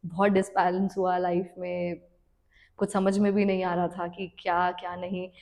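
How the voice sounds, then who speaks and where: A young woman guest on a podcast, telling her story in a reflective, unhurried way and mixing English words into her speech. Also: lowish voice, monotone, darkish tone. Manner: mixes English words into Hindi talk. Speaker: podcast guest, devotional content creator. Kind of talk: casual interview chat.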